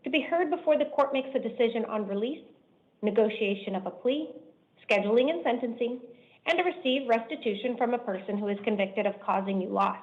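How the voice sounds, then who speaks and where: Woman, judge, formal and deliberate, fairly high voice, lo-fi courtroom recording. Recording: dull lo-fi courtroom stream.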